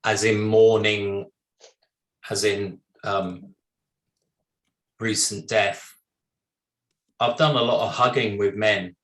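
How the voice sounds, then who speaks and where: British man with a British accent, unhurried and halting, lowish voice, echoey video-call room. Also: fairly even intonation, a bit bright. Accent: British English. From Britain. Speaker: bereaved husband thanking guests. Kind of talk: remembrance gathering remarks.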